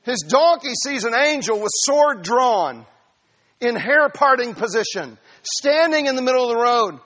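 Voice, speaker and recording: A male preacher giving a sermon, telling a Bible story with lively humor. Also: very high-pitched, a little slow. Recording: reverberant hall.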